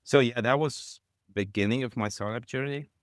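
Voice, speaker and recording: A man's voice: medium pitch, moderate pace, no echo, clean studio sound. A middle-aged man from Kazakhstan, a podcast guest telling his career story in a loose, rambling way full of "like". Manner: rambling, heavy use of "like". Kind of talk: casual interview talk.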